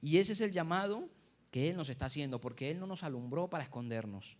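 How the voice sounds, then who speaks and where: High-voiced Colombian pastor preaching. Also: male voice, expressive, fast. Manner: preaching with rhetorical questions. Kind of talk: Sunday school sermon.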